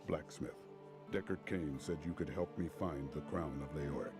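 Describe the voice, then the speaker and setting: A grim, resolute warrior hero in a video game, his voice extremely deep and his words clipped. Game music plays clearly behind him. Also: normal speed. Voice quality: very deep, terse.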